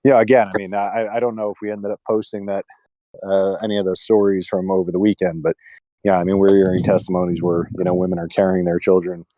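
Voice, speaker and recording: A man's voice: sits low, flat delivery, quick pace, dark tone, dry recording. A man co-hosting a casual club call, speaking hesitantly with frequent restarts. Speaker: co-host.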